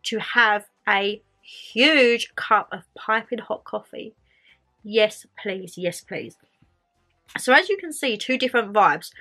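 Her mid-range voice is bright and forceful as this young English vlogger talks casually to camera in her bedroom. She gestures and stays bubbly while recovering from a cold that hasn't quite gone.

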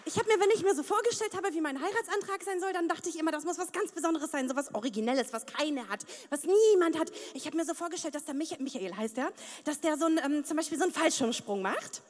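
Brash woman doing stand-up, high voice. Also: expressive, fast talker, hardly any pauses. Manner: brash, crude punchlines, acts out voices. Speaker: stand-up comedian. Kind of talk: stand-up comedy set. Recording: long reverb of a studio hall.

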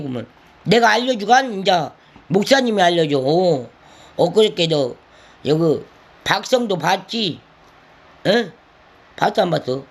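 Older man, high and very animated voice, rambling lecture full of nagging questions. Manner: lecturing, nagging tag questions, coarse words; slips into sung lines and acted quotes. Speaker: elder lecturing a listener. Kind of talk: rambling scolding monologue.

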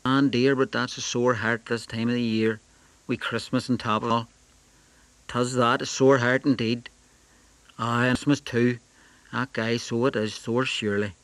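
A male reader voicing older men gossiping at a funeral, in a slow, sing-song chant full of dialect phrases. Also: mid-range voice, animated, no room sound, pitched above the performer's own voice, close to an everyday voice. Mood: mournful. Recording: dry close studio sound.

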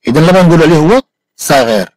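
A man with a Moroccan Arabic accent teaching an English lesson, repeating each phrase slowly and carefully. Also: a little high, animated, darkish tone, no room sound, low-quality recording. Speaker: language teacher.

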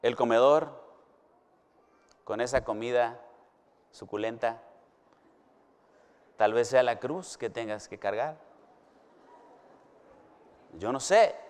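A middle-aged man with a Mexican Spanish accent preaching a sermon as a pastor, slow and emphatic, with dramatic pauses and big swings from loud to hushed. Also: medium pitch, smooth. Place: university hall or chapel. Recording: long hall reverb.

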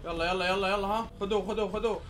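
A young man from Syria with a Syrian Arabic accent, commentating his own gameplay live, excitable and often shouting or pleading at other players. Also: high voice, racing, over music. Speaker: gaming YouTuber.

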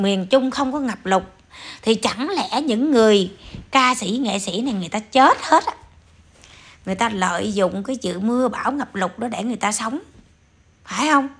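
A woman's voice: on the high side, lively intonation, normal speed. A woman hosting an opinion vlog, scolding her viewers with a string of rhetorical questions. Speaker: vlog host. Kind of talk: opinion commentary monologue.

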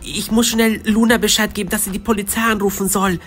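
Someone doing a nervous, hurried girl sleuth. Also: medium pitch, flat delivery, fairly bright tone, soft background music, lightly acted. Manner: breathless, hurried, stammering. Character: anxious young girl detective with asthma. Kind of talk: storybook narration in first person.

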